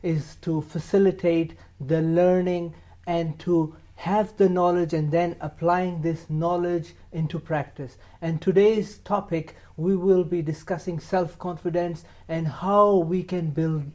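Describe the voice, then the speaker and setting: A man's voice: fairly high pitch, steady tone, measured pace, mellow. A man hosting a youth talk show, asking questions with many hesitations and restarts. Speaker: TV show host.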